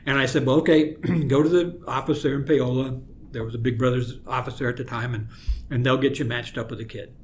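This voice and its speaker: Throat-clearing man telling stories. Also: medium pitch, a little fast, slight background noise. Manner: frequent throat clearing, relaxed anecdotal telling. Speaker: guest, outdoor mentoring program leader. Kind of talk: casual storytelling interview.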